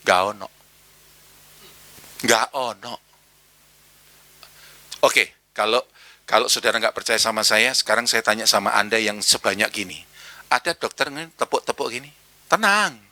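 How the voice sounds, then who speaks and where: A man with an East Javanese accent preaching a sermon in church, animated and slipping into Javanese slang while acting out voices. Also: fairly low pitch, normal speed, pauses often, no room sound. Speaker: pastor.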